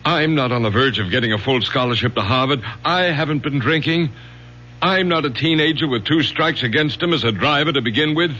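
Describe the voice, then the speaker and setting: In a radio drama, an actor plays a protective middle-aged father, a college professor with an American accent, speaking in a firm, urgent, commanding way. His mid-range voice is a little fast and sharp-toned. The audio sounds like a dull lo-fi old radio broadcast with a faint hum.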